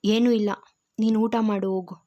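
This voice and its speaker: Sorrowful older father in an audio story, voiced by a woman; curt, quiet, dull sound. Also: medium pitch, steady tone, moderate pace, natural voice. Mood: subdued. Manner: curt, subdued. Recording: dull lo-fi recording.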